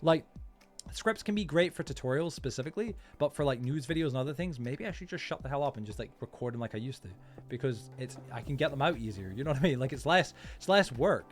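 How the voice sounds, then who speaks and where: A man's voice: mid-range voice, lively intonation, fast, soft background music. A man chatting casually on a gaming livestream in a rambling, nonstop stream of informal, slangy talk to his viewers. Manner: informal, slangy, often addressing viewers as bro, man, dude.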